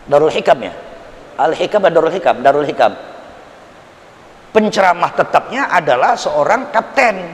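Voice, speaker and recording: Older preacher in an echoing mosque hall. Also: male voice. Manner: storytelling, swinging from loud outbursts to low asides. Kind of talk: mosque study-circle sermon. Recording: hiss, long reverb in a hall.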